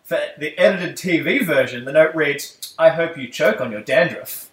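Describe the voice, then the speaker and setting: A man's voice: a little high, expressive, moderate pace, a bit bright. A man co-hosting a podcast, sharing movie trivia in a dry, casual way. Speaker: podcast co-host. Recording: echoey room.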